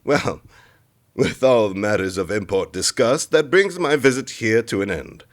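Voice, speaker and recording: A man's voice: on the low side, big pitch swings. An actor playing a stern, commanding king who hands down decrees in a fantasy audio drama. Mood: condescending. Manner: commanding, measured royal decrees. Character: stern imperious middle-aged king and father.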